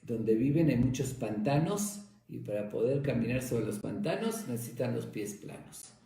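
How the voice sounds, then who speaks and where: A rabbi voicing a patient, fatherly old sage who answers softly, in an echoey room. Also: mid-range voice, lively intonation, normal speed, creaky.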